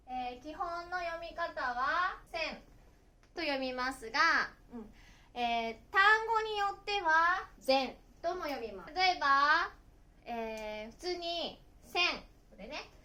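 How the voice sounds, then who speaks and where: Slow, bright-voiced woman teaching kanji. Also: high-pitched. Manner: slow, careful counting of stroke orders. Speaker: Japanese language teacher. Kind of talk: kanji writing lesson.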